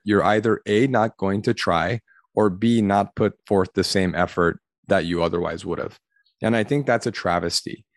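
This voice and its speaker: A man's voice: fairly low pitch, no room sound, clean studio sound. A man from Los Angeles, in his thirties, answering interview questions in an earnest, reflective way, with many "you know" fillers. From Los Angeles, USA. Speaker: podcast guest, admissions consultant.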